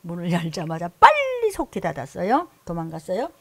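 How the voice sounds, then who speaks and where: Gravelly woman pastor preaching. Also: on the low side, huge pitch swings, fairly quick, no echo. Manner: emphatic, mimics scolding and inner voices. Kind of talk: sermon.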